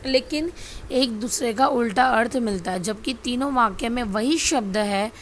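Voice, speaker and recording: A woman's voice: fairly high pitch, moderate pace, a little hiss or hum. A woman teaching a grammar lesson over slides, repeating herself and asking questions she answers herself. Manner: repetitive, asks rhetorical questions and answers them.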